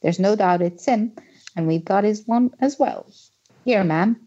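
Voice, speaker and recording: Guy doing a scruffy wheedling thug, pitched way up from his own voice, keen to please. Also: measured pace, dark tone, dull audio. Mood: eager.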